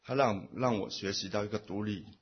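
A man giving a personal testimony at a church meeting, speaking in short phrases and pausing for an interpreter. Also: fairly low pitch, a little hiss or hum. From Taiwan. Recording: muffled lo-fi recording.

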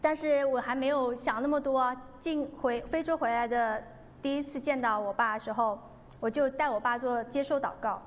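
A high-pitched woman gives an earnest, devout personal testimony at a moderate pace, telling her story and acting out the dialogue. The recording carries long reverb and faint background noise.

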